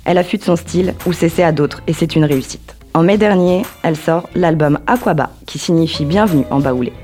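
A woman's voice: low voice, a little fast, warm tone. A young woman presenting a scripted radio music column, talking to her listeners directly and with enthusiasm. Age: young adult.

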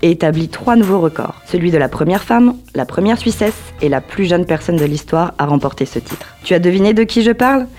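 A woman's voice: fairly low pitch, lively intonation, brisk, hardly any pauses, dark tone, faint music behind. Enthusiastic young woman radio columnist. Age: young adult. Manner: enthusiastic, addresses listeners directly. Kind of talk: scripted radio chronicle.

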